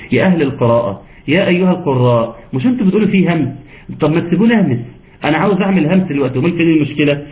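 A man with an Egyptian accent teaching Quran recitation in an online class, asking students questions and teasing them patiently. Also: a little high. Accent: Egyptian Arabic. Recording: tinny phone-like call audio.

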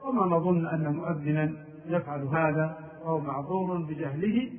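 A man giving a religious lesson on mistakes in the call to prayer, chanting the phrases to show them. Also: fairly high pitch. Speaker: religious teacher. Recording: tinny phone-like distant sound.

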